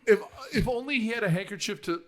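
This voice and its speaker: A middle-aged man hosts a loose movie-review chat in a slightly higher voice. He rambles from tangent to tangent, full of "um"s and casual swearing. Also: fast talker. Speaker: podcast host.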